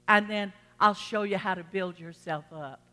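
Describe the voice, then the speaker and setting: A woman preacher from Texas, with a Texan accent, delivers an emphatic sermon to a congregation in a reverberant hall, faint music playing behind her. Her medium-pitched voice is pushed and bright at a moderate pace, and she repeats phrases and poses rhetorical questions.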